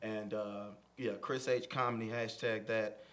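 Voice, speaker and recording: Male comedian guest, bright forceful voice, boisterous, casual podcast banter. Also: lowish voice, fairly even intonation, unhurried. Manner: boisterous, laughing, swearing freely.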